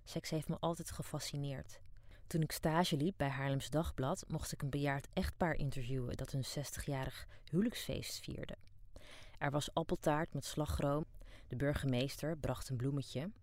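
A woman's voice: low voice, fairly even intonation, moderate pace, a little mellow, no echo. A middle-aged woman from Amsterdam narrating her own diary as an audiobook, frank, wry and down-to-earth. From Amsterdam, Netherlands. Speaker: narrator and author.

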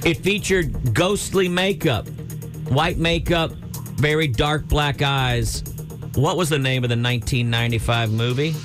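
A man's voice: on the high side, measured pace, music in the background. A man hosting a call-in trivia game on the radio, loose and joking, tripping over his words as he runs it. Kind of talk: casual radio banter.

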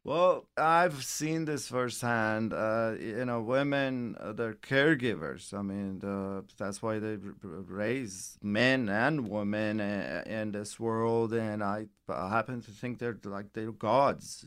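A man's voice: fairly low pitch, slow, few pauses, fairly bright tone, clean tone. A middle-aged man hosting a financial radio show, chatting casually and rambling with many restarts.

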